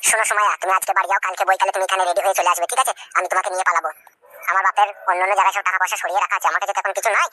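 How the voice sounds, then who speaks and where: A performer voicing a scheming young village man in a comic cartoon dub, talking low and grumbling. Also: fairly even intonation, racing, pushed and bright, dry recording, natural voice.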